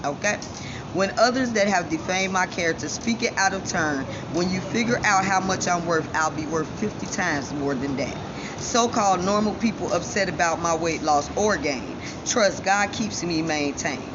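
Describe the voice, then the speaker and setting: Her pitch fairly low and her pace moderate, a female vlogger from Chicago, United States, speaks defiantly and self-assuredly to viewers in a personal monologue. Missing front teeth shape her speech, while loud ambient noise fills the dull, lo-fi recording.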